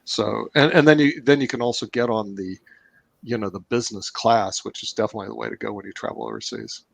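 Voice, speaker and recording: A man's voice: fairly low pitch, steady tone, fast, gravelly. A man chatting casually as a guest on a live stream, easygoing and stumbling over restarts. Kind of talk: casual chat.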